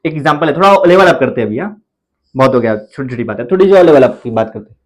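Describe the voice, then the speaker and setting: A man's voice: medium pitch, lively intonation, fast talker, poor audio. A man with an Indian accent teaching a chemistry lecture, repeating his questions, answering them himself and counting aloud in a playful chant. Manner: repetitive, asks students questions and answers them. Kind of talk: classroom lecture.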